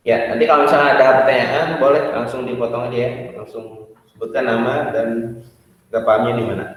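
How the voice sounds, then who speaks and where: A man's voice: medium pitch, steady tone, a little fast, a bit bright. A man teaching a math class, explaining step by step with many fillers and checking whether his students follow. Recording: echoey hall, far from the mic.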